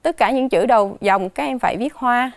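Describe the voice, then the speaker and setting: Woman teacher with a Southern Vietnamese accent, fairly high voice, slow and careful as she spells out sounds for children, dry close recording. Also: gravelly, no room sound. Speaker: primary school teacher. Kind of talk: dictation lesson for children.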